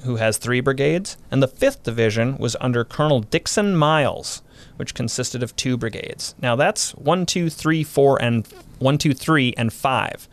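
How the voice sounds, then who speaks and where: A man's voice: medium pitch, expressive, unhurried. A man, a historian guest on a podcast, explaining military history in a casual but detailed way, running through units and dates.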